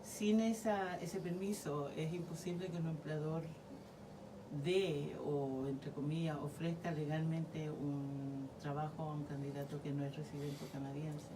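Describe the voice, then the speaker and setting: Chilean woman, low-pitched, measured legal explainer, off-mic with audible noise. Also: fairly even intonation, far from the mic. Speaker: community legal worker. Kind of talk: radio interview guest.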